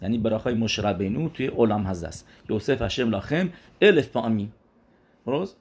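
A man teaching a religious lesson at a steady middle pitch. He keeps putting questions to his listeners and answering them himself, with Hebrew religious terms dropped into his sentences. He often goes back over a phrase and starts it again as he works through each point. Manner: repeats and restarts phrases while explaining.

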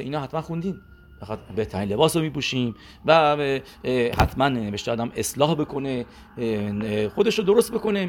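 A man's voice: medium pitch, noisy background. A man teaching a religious class, telling an anecdote in a conversational way with fillers and restarts, acting out the quoted lines.

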